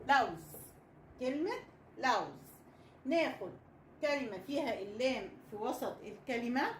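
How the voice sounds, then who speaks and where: A woman's voice: a little high, expressive, brisk. A young woman teacher with an Egyptian accent, giving a children's reading lesson. She stretches out letter sounds and repeats them patiently. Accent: Egyptian Arabic. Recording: echoey room with faint noise.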